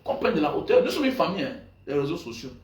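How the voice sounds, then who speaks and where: A man's voice: fairly high pitch, big pitch swings, quick pace, recorded from a distance. A man, a pastor, chatting on a live stream to viewers, rambling and repetitive, greeting them by name and growing heated. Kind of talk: casual live-stream chat. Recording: echoey room, voice off-mic.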